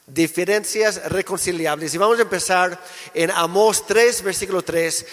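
Speaking at normal speed, a high-voiced Canadian pastor whose first language is English gives a sermon, loose and jokey and prone to restarting sentences. The hall around him echoes with a long reverb.

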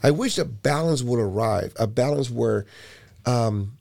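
A man from Puerto Rico who runs a youth basketball program, speaking in a casual conversation with an animated, emphatic delivery and frequent repeated words. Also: medium pitch, a little slow, gravelly.

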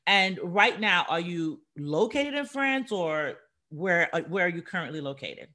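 A woman from the Bronx hosting a casual interview, animated and chatty. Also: lowish voice, a little slow. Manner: animated, chatty, says y'all and dope. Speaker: host.

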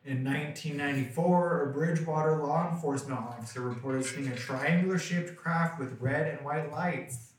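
A man with a fairly high voice, reading reports aloud for a casual chat and stumbling over odd names. He sits far from the mic in a strongly echoing room. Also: moderate pace, few pauses. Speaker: podcast co-host.

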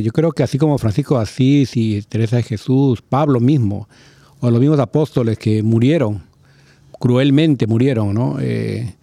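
A man's voice: medium pitch, gravelly, warm tone, dry recording. A man in a casual religious conversation, talking reflectively with many filler tags.

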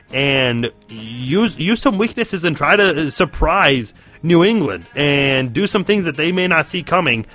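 An American man with a rough, hoarse, strained voice, giving solo football commentary as a podcast host. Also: a little high, sharp tone. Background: music.

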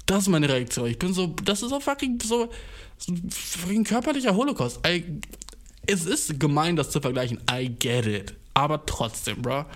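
A man's voice: a little high, moderate pace. A young man, hosting a podcast and telling a story in casual, slangy speech, swearing freely and mixing in English words. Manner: animated, jumps into exaggerated voices. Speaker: podcast host.

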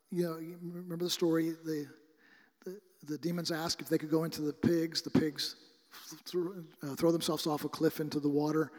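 A man's voice: a little high, a little mellow, in a large hall. A man from the American Midwest preaching a sermon in a casual, conversational way, often stumbling and restarting his sentences. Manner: conversational, halting, frequent restarts.

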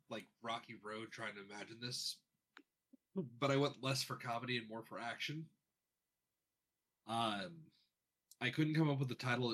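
A man's voice: mid-range voice, sharp tone. A man chatting casually with friends, wry and grumbling, often trailing off. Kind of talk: casual chat.

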